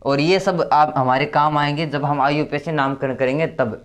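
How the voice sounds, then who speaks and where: A male tutor explains chemistry step by step in a slightly high voice. He repeats his key terms and slows down to count items aloud one by one. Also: fairly even intonation.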